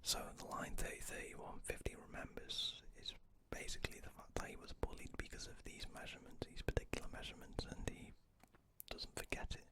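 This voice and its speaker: A man speaking in a close, ear-to-ear unvoiced whisper, rambling casually for ASMR with hesitant asides. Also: brisk. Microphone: close ear-to-ear ASMR microphone.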